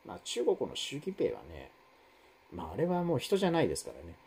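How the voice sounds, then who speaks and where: A man's voice: wildly swooping pitch, fairly quick, gravelly, a little mellow, a little hiss or hum. A man hosting a live stream, chatting casually with viewers and reading their comments, rambling with many fillers. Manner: rambling, many fillers, wide swings in pitch.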